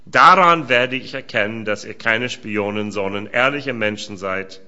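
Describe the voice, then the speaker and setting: A man's voice: fairly low pitch, a little slow, bright, forceful tone, voice pushed down. A man reading aloud the words of a stern male ruler who is testing strangers. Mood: firm. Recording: dull lo-fi sound.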